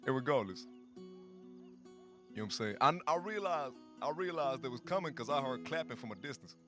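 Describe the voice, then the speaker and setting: A man's voice: medium pitch, animated, brisk, fairly bright tone, faint music behind. A man improvising wedding vows for his roleplay character, rambling and profane, repeating "you know what I'm saying" again and again. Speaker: roleplayer playing the groom. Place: online game roleplay session.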